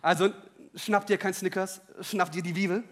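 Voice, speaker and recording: A man with a high-pitched voice preaches to his congregation. He drives his points home with loud, rising emphasis. He then drops into quiet, wry personal asides and jokes. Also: steady tone, normal speed. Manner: personal and joking. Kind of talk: sermon.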